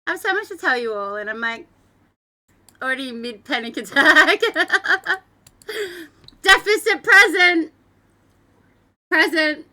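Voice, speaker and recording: A woman's voice: high-pitched, expressive, normal speed, sharp tone. A young Australian woman chatting on a live stream, rambling and swearing, laughing often and close to tears. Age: young adult. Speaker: livestreamer. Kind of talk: casual live stream chat. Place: downstairs room at home.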